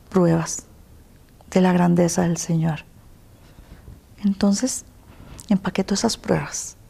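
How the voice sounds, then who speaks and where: Earnest Costa Rican woman, gravelly. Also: medium pitch. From Costa Rica. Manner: earnest, emotional storytelling, slipping into soft whispers. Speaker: interview guest. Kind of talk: personal testimony in an interview.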